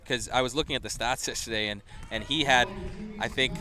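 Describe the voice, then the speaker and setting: A man doing live play-by-play for a high-school football game, chatting loosely and breaking into excited shouts on big plays. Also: brisk, slight background noise. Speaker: play-by-play commentator. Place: outdoor football stadium. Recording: live stream from a stadium crowd. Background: crowd.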